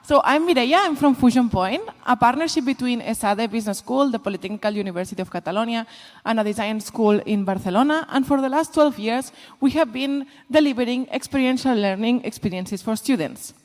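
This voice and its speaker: A woman presenting a short poster pitch at a conference. She talks in a lively way, laughs easily and lists items briskly. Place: conference hall. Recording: echoey lecture hall.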